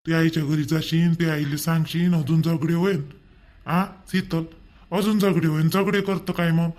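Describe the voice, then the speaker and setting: A man, playing a young husband who coaxes his crying wife to calm down. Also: fairly high pitch, normal speed, lightly acted. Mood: pleading. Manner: pleading, coaxing. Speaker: actor in a family drama. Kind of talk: amateur family drama acting.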